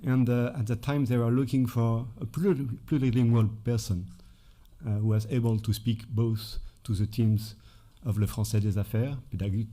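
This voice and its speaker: Male conference presenter, mellow, hesitant, lots of fillers. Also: lowish voice. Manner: hesitant, many fillers, self-corrections. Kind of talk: conference talk with scripted dialogue. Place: conference room.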